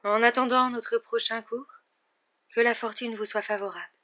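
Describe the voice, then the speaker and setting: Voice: high-pitched, expressive, moderate pace, highs cut off, voice pushed up. A reader voicing a dramatic, mournful older woman fortune-teller in an audiobook, speaking in a theatrical, wailing manner. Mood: haughty. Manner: theatrical, wailing, breathy dread.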